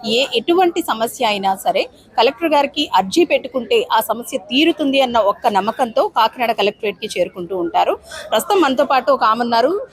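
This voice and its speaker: A woman reporting from the field and interviewing with gentle, prompting questions. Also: fairly high pitch, lively intonation, brisk, slightly rough. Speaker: news reporter.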